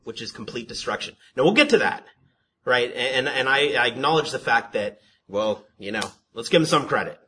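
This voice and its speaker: A man with a slightly rough, mid-range voice speaks at a normal speed while teaching a Bible study in conversational sermon form. Along the way he restarts words, repeats himself, asks rhetorical questions, and calls his voice monotone.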